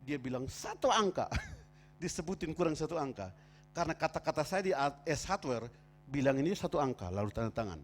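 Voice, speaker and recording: Pastor guy, high voice, tells stories then yells the big points in church. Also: animated, fairly quick. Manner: swings from quiet storytelling to shouted preaching. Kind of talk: sermon with personal stories.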